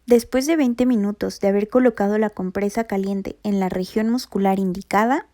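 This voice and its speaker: A woman giving a scripted, methodical narration for a rehabilitation lesson, reading anatomy terms in an even voice-over. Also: medium pitch, normal speed. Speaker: rehabilitation instructor.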